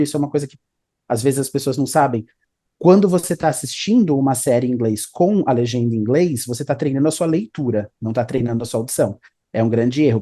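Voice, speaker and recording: A man's voice: mid-range voice, mellow. A man, an English teacher explaining study tips in a casual interview, often adding "né?" and "tá?". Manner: explanatory, repeats 'né?' and 'tá?'.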